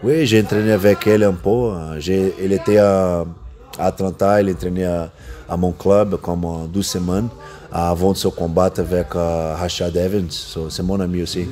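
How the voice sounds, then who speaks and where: A man with a foreign accent in French, talking casually as a coach in an interview, halting and repeating himself, slipping in English words. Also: deep voice, fairly even intonation, mellow. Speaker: MMA coach and seminar instructor.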